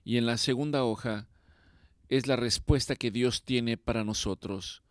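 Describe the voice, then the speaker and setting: A man preaching a sermon, speaking deliberately and rising into fervent, pleading prayer. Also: medium pitch, steady tone, no room sound, studio quality.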